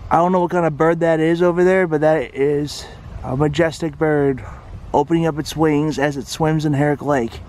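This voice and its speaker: A man with a fairly high voice walks a lakeside trail and chats through the sights like a casual tour guide. Recorded outdoors on a camera mic, with a faint hiss of background noise underneath. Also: steady tone, normal speed, a little mellow. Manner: chatty tour-guide commentary. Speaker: vlog host. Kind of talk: casual travel vlog narration. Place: outdoors at a lakeside forest preserve.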